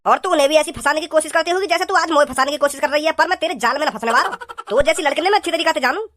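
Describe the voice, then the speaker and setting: A woman's voice: high voice, racing, fairly bright tone, slight background noise. A woman voicing a rude, mocking young street punk in a cartoon, with a blunt, insulting manner. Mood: dismissive. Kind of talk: cartoon dubbing.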